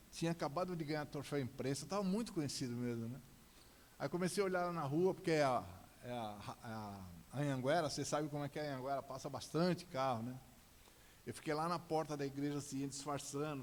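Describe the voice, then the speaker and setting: Middle-aged São man, church testimony, quick talker, somewhat high voice, hall reverb. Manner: animated storyteller acting out dialogue. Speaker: church guest giving testimony.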